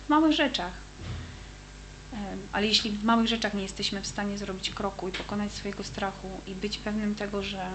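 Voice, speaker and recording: A woman's voice: mid-range voice, fairly bright tone, a little hiss or hum. A woman telling her personal faith testimony in an earnest, storytelling way, with frequent hesitations, speaking to listeners directly.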